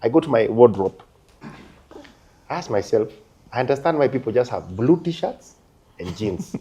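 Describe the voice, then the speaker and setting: A man's voice: mid-range voice, animated, moderate pace, warm tone, muffled recording. A man hosting a casual panel chat, telling stories animatedly and laughing often. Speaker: host.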